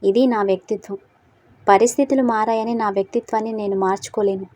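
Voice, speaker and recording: A woman voicing a calm, principled young male college student in a storybook reading, steady and gently persuasive. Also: medium pitch, fast, no room sound, lightly acted. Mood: earnest.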